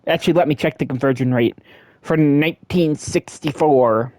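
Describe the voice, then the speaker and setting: A man's voice: a little high, moderate pace, a little mellow, no room sound. A man giving casual, joking commentary as he plays a video game and reads its text aloud. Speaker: let's play streamer.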